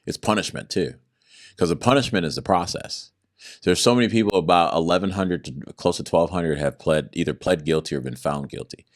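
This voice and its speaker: Deep-voiced man telling his story animatedly. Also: brisk. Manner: animated, acts out quoted exchanges, laughs between points. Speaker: guest recounting his arrest. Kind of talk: conversational interview storytelling.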